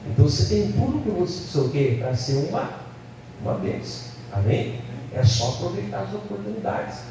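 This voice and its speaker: Pastor preaching in an echoey hall. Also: male voice, high-pitched, very animated, brisk. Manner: asks the congregation for "amém?" and "né?" often. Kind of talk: sermon. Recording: very echoey hall, distant mic, faint room noise.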